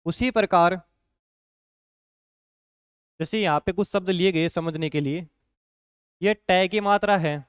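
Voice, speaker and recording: A male teacher walks through a shorthand lesson at an unhurried pace, pausing often to check that his students follow. His voice sits high and sounds smooth and clear. The sound is dry and close. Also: dry recording. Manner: patient, repeats points with frequent "ठीक है" check-ins. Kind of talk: classroom lesson explanation.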